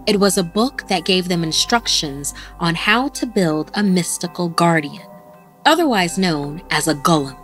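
A woman narrator reading a horror story in a scripted style with expressive delivery. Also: fairly low pitch, a little slow. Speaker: podcast narrator. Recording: faint music bed.

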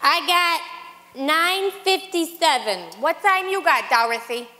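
A woman's voice: high voice, lively intonation, slow, bright, forceful tone, in a large hall, exaggerated voice. A woman playing a brash, wisecracking older woman customer in a church stage skit. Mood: bossy. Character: brassy old woman diner customer, bossy and wisecracking. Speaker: actor in a church Christmas skit. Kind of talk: live stage comedy sketch.

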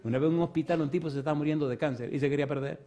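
A man preaching an evangelistic sermon and calling people forward, swinging between loud, fervent preaching and soft pleading. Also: a little high, steady tone, very fast. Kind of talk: evangelistic sermon with altar call. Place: church stage.

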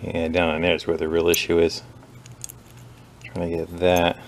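Deep-voiced and speaking at normal speed, a man hosts a small engine repair video with a little hiss or hum audible. He's relaxed and chatty, working at his bench in a workshop with a wire wheel and sometimes turning away from the mic.

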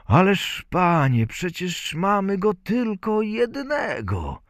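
A man voicing a humble, loving old peasant father in a folk tale, speaking in a gentle, pleading way. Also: high-pitched, wildly swooping pitch, very slow, gravelly, no room sound, studio quality, voice pushed up, full character voice.

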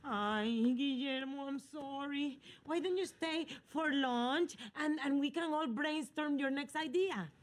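An actress playing a soft-hearted, talkative wife who mixes up her idioms in a sitcom. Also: sits high, unhurried, few pauses. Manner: speaks with mixed-up idioms. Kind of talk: sitcom acting.

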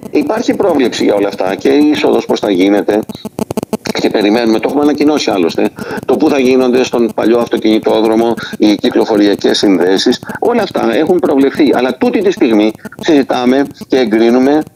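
Gravelly insistent older man at desk mics. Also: medium pitch, lively intonation, warm tone, a little hiss or hum, rough recording. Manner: insistent, defensive, many restarts and fillers. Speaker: mayor. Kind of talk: radio interview. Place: wood-panelled office at a desk. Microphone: desk microphones.

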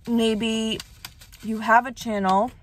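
A woman's voice: fairly high pitch, level tone, slow, a little hiss or hum. A young woman vlogging casually, chatting with lots of "like" fillers and easy laughs while out running errands. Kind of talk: casual vlog chat. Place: car and errands, in and out of doors.

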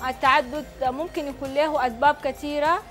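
Quick, high-voiced Sudanese woman presenting. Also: fairly even intonation, fairly bright tone, soft background music. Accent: Sudanese Arabic. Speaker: TV show host and prize draw presenter. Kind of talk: live TV presenting, reading messages and announcing prizes. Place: TV studio, standing.

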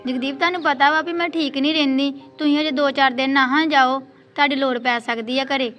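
A woman's voice: high-pitched, steady tone, fast, highs cut off, soft background music, lightly acted. A woman playing a young wife who pleads with her husband and mother-in-law, plaintive in an amateur family drama.

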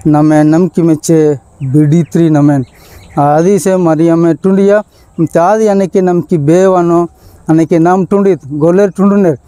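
A man with a Malto accent, a bishop giving an Easter sermon in a measured preaching manner with pauses. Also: a little high, warm tone, smooth, dry recording.

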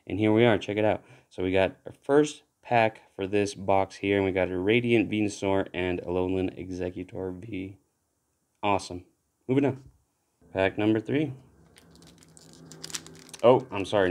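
A man giving casual commentary while opening trading card packs, relaxed but breaking into excited exclamations at good pulls. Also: fairly low pitch, measured pace, pauses often. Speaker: card pack opener.

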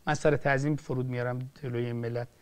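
A man's voice: medium pitch, fairly even intonation, a little mellow, smooth. An older man, a film director, giving impassioned political commentary with emphatic rises and drops and frequent restarts. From Iran. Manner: emphatic, rising and falling sharply, frequent restarts.

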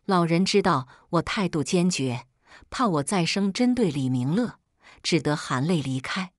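A woman reading a dramatic first-person story in a calm, composed way. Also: lowish voice, measured pace, no echo, studio quality. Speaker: narrator.

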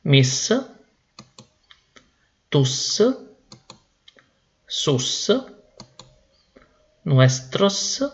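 A man teaching Spanish grammar slowly and deliberately, repeating each word. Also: mid-range voice, dull audio. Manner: slow, deliberate, repeats words. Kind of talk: slow classroom explanation.

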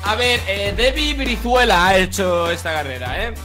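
A man with a Spain Spanish accent giving casual gaming commentary, teasing his friend with jokes and shouting his name. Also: high-pitched, big pitch swings, moderate pace, music in the background. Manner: teasing, joking, yelling names. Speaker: gaming YouTuber.

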